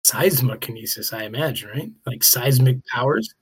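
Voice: mid-range voice, lively intonation, moderate pace, husky. A podcast co-host in casual chat, playful and teasing.

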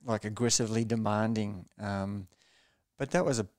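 A man, a former racing cyclist, telling a story as a podcast guest in a measured, low-key way and often restarting his phrases. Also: no room sound. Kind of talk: reflective storytelling in a podcast interview.

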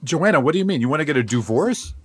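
A man's voice: fairly high pitch, expressive, fast, noisy background, close to an everyday voice. A man playing a bewildered husband and father in an improvised comedy sketch.

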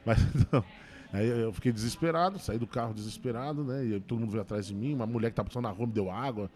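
A stand-up comedian recounts a personal story during a laid-back interview, his voice at a typical middle pitch for a man. He speaks quickly and emotionally, stumbling and starting his sentences over again and again.

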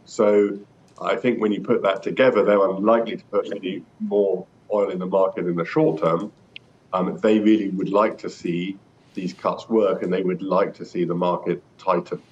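A man speaking as an interviewed energy expert, explaining in a measured way with some hesitant repeats. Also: level tone, darkish tone. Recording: muffled remote line with rumbling noise.

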